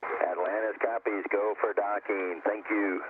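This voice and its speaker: A man speaks slowly and calmly as a spacecraft commander, heard over a crackly space-to-ground radio link. The link is narrow and tinny, with a clear hiss. His voice is fairly low. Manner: calm, measured radio call-outs. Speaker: shuttle commander.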